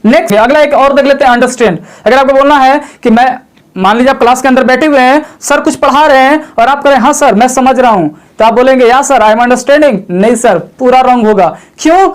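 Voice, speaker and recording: An English grammar teacher with an extremely high pitch talks briskly through a spoken lesson. He asks and answers his own questions, repeats each point, and chattily calls the viewer "sir."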